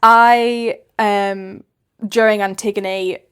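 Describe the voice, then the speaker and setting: A woman's voice: mid-range voice, steady tone, extremely slow, clean tone. A woman chatting on a podcast, agreeing often and laughing through her own stories from the stage. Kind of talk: casual podcast chat.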